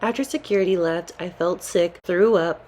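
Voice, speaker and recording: Lower-voiced young woman telling a story. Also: moderate pace. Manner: calm, earnest storytelling with casual slang. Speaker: vlogger. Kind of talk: storytime narration.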